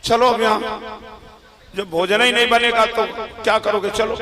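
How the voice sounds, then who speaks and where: A man's voice: sits high, fairly even intonation, moderate pace, sharp tone, echoey room. A man voicing a freeloading male house guest who grumbles and mutters to himself. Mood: grumbling.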